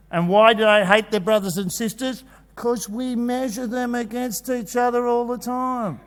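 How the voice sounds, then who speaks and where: Lively man on stage. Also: high voice. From Australia. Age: 50s. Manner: animated and jokey, acting out kids' voices. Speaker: conference speaker. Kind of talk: energetic presentation. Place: large conference hall. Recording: long hall reverb.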